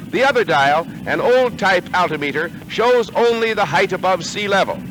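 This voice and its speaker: Music plays beneath a high-voiced American man delivering dramatic, punchy 1940s newsreel narration from a script. It comes from a vintage film soundtrack, and the recording quality is low.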